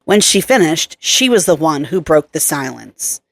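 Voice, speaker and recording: Low-voiced woman narrating a dark story. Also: very animated, moderate pace, creaky, no room sound. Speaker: audiobook narrator. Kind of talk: scripted narration.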